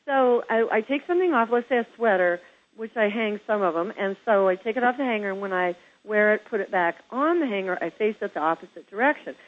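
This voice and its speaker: A woman's voice: medium pitch, lively intonation, quick pace. Effusive middle-aged woman host on a phone line. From Kansas, USA. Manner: effusive, gushing praise, calls the guest girl. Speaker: host of a home-staging show. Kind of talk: casual interview on a phone line.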